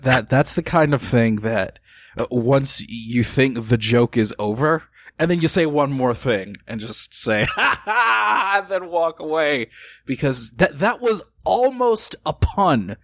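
A young male podcast co-host teases his friend and talks playfully about puns. His voice sits in a middle pitch. The sound is dry and close to the mic. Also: lively intonation, measured pace, no room sound. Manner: playful and teasing, loves puns. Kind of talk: casual podcast chat.

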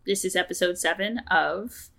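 A woman's voice: fairly low pitch, moderate pace, vocal fry, sharp tone. A young woman co-hosting a casual podcast chat, chatty and loose with light swearing. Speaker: podcast co-host.

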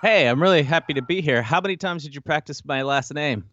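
A man's voice: a little high, fast talker, fairly bright tone, no room sound, muffled recording. A man guesting on a casual podcast chat, joking and teasing the hosts.

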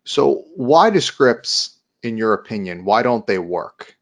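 A man's voice: mid-range voice, sing-song, measured pace. A man co-hosting a casual talk show, chatting loosely and acting out quoted lines as he tells stories. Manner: chatty, retells scenes with acted-out quotes. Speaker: podcast co-host. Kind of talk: casual conversation.

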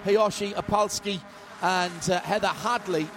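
A man's voice: high voice, a little slow, over music. A man working as a motorsport commentator, calling a live race in vivid play-by-play with wry humour. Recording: trackside broadcast with loud engine noise. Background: racing cars and trackside ambience.

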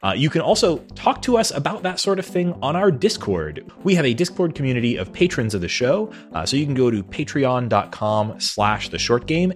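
A man hosting a podcast in casual chat, talking loosely with many fillers. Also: medium pitch. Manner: chatty, fills with "uh" and "like". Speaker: podcast host.

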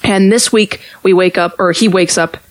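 A woman's voice: medium pitch, fairly even intonation, moderate pace, no room sound. A woman co-hosting a podcast in casual chat, laughing often and checking in with her partner. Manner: laughing, self-aware. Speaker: podcast co-host.

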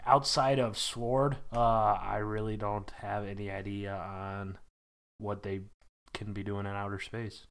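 A man co-hosting a casual podcast chat, excitable and stumbling over his words. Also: fairly low pitch, unhurried, vocal fry, smooth. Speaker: podcast co-host.

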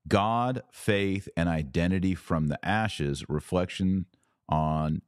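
In a clean studio recording with no room sound, a man hosts an opinion podcast at a slow pace in a low voice. He's conversational yet emphatic, repeating words, tossing out rhetorical questions, and adding a wry, sarcastic bite.

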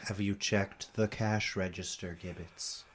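A man's voice: sits low, steady tone, unhurried, a bit bright. Dry-joking male player. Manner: dry, joking, playing his character. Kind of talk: casual tabletop play.

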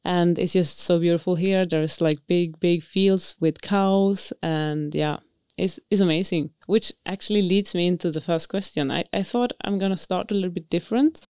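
Host, woman: low, smooth, chatty interviewer with lots of fillers. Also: moderate pace, hardly any pauses, a little mellow, dry recording, clean studio sound. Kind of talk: casual interview. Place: small cottage in the forest.

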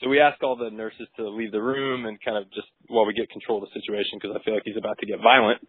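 A man, a physician, casually recounting a case on a podcast with relaxed, wry and crude asides. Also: on the low side, fast, a little hiss or hum. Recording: tinny dry phone-like recording.

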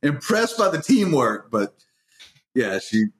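A man's voice: mid-range voice, sing-song, slow pace. A man from the American South, a podcast co-host telling stories in a wry, joking way. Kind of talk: casual chat. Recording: roomy echo.

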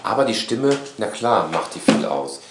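A man in casual conversation, talking in an animated, rambling way and often tagging his sentences with a questioning "ne". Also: lowish voice, normal speed, heavy background noise. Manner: animated, rambling, frequent tag "ne?". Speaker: course instructor. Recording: echoey room.

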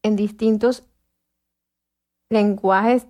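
A woman's voice: mid-range voice, fairly even intonation, very slow, darkish tone. A woman with a Caracas Venezuelan accent hosting a casual interview, chatty and telling stories that act out quoted speech. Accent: Caracas Venezuelan Spanish. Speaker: host.

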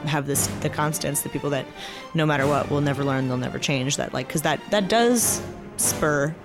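A man muses aloud about a film in casual podcast talk. He pauses and searches for words as he goes. Music runs clearly behind him. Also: on the high side. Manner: thoughtful, halting.

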